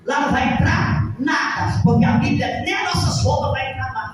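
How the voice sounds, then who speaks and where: A woman's voice: high-pitched, normal speed. Fervent woman pastor in an echoey church. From Brazil. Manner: fervent, calls out to the congregation. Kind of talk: pentecostal sermon. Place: church hall. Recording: echoey church hall, mic far off, noisy.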